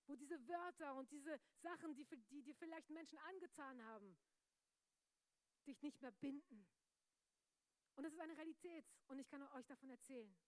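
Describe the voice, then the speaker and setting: A young woman preaching a lively youth sermon, energetic and joking with the audience, laughing often. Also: sits high, dry recording.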